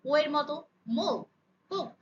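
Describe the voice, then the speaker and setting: Woman, pronunciation teacher, high voice, very slow and deliberate, slightly muffled recording. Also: animated. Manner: spells out letter sounds one by one, drawn-out and emphatic.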